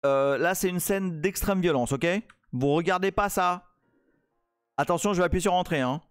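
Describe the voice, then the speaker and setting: A French man hosting a casual live-coding stream, playful and excitable, chatting to viewers as he works. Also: high-pitched, normal speed, smooth, no echo, clean studio sound, faint music behind. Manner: playful, excitable, reads chat aloud.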